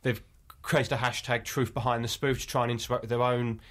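Fast-talking jokey man from Essex. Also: mid-range voice, flat delivery, a bit bright. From Essex, England. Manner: jokey, rambling, self-mocking. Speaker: guest, spoof news writer. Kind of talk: casual interview chat.

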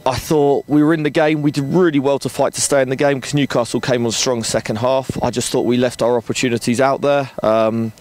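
A man in his thirties, a rugby director, speaking in a frank, measured way with many ums and restarts, outdoors at a floodlit ground at night into a handheld mic. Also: mid-range voice, fairly even intonation, a little mellow. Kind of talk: post-match interview. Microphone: handheld interview mic.

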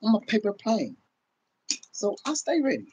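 Speaking at normal speed, this middle-aged American livestream host has a high, slightly mellow voice whose pitch swoops wildly. He rants casually to viewers, blunt and profane, repeating himself for emphasis, recorded on a phone or webcam held at arm's length at home, with slight background noise.

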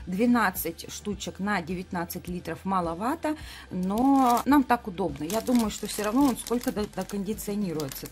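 A woman in her late thirties chatting enthusiastically as she reviews herbal teas at a table, filmed from above. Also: mid-range voice. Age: 30s. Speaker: product reviewer. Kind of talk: casual product review. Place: bright room at a table.

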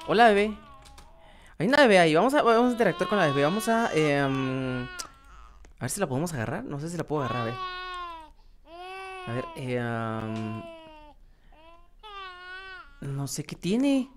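A woman's voice: deep voice, sing-song, normal speed, pauses often, background noise. A woman hosting a gaming channel, giving rambling, casual gameplay commentary with lots of fillers and restarts, often addressing viewers directly. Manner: talks to viewers as "chicos".

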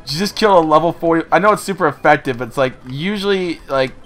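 A man's voice: on the high side, fast, a bit bright, soft background music. A man giving casual, profane, jokey commentary while playing a co-op game. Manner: profane, jokey, laughs often. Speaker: co-op let's play host.

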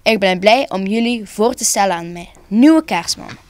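A woman's voice: medium pitch, animated, normal speed, dry recording, natural voice. A woman voicing an old, kindly head Santa who speaks solemnly to his villagers in a children's story. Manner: warm, solemn storybook speech.

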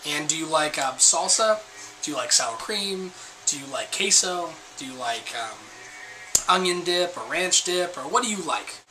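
A man's voice: a little high, lively intonation, normal speed, bright, forceful tone, a little hiss or hum, rough recording. A young man in his twenties chatting casually to his webcam in a small room, rambling and self-deprecating. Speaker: vlogger. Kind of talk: casual chat to camera.

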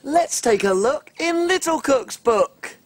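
An actor playing a tiny, excitable, cheerful cook, speaking in an exaggerated, animated children's TV storytelling manner. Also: male voice, very high voice, slow, no echo, exaggerated voice. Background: music.

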